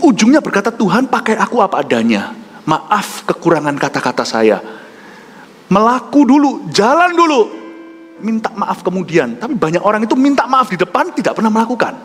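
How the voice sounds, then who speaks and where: A man preaching a sermon as pastor, talking in an animated way that swings from shouts to near whispers and mixes in English words. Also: high voice, a little fast, breathy edge. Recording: echoey hall with faint music.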